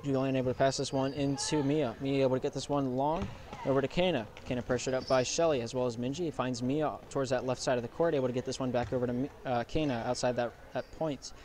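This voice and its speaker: A young man calls a basketball game play by play, rattling off passes and shots in quick succession. His voice jumps up loud and excited whenever a basket drops. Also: mid-range voice. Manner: rapid play calling, bursts of loud excitement on scores. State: out of breath. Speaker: play-by-play commentator. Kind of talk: live basketball play-by-play commentary.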